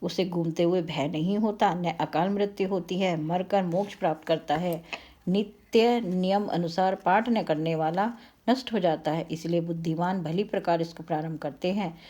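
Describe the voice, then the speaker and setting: Woman, devotional recitation, low-pitched, warm dark tone, solemn, slow invocations, occasional slips. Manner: occasional slips and self-corrections. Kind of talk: devotional scripture reading.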